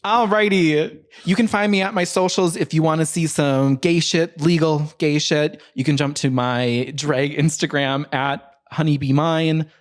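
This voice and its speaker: Young midwest guy, drag performer on a podcast, chatty and playful, laughs a lot, mid-pitched voice. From American Midwest. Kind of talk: casual podcast chat.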